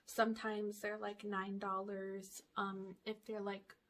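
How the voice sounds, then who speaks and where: Her voice is mid-range, monotone, slow, and a bit bright. Seated in one spot indoors at home, this vlogger casually chats her way through a shopping haul, rambling with fillers, slightly out of breath, and reading the DVD case blurbs aloud.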